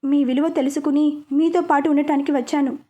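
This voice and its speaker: A touchy young office worker who is quick to take offense, voiced by a woman reading a storybook aloud. He talks in a defensive, irritated way, in a high and light voice. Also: fairly even intonation, warm tone, close to an everyday voice. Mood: remorseful.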